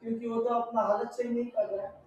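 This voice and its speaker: A man's voice: extremely high pitch, flat delivery, fast talker, roomy sound, muffled recording, a loud crowd. A male student asking and answering questions in class. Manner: asks questions and answers the teacher.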